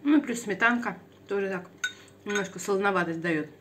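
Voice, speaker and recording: A woman's voice: medium pitch, a little fast, a bit bright, slight background noise. A woman eating on camera, talking to viewers while chewing her food, recorded on a phone. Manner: chatty, talks to viewers between bites. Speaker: mukbang vlogger. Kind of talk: casual eating vlog.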